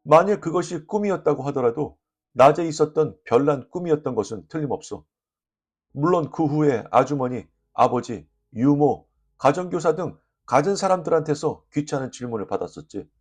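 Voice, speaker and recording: A man reading a short story aloud as an audiobook narrator, lively and expressive, voicing the dialogue. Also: fairly high pitch, normal speed, husky.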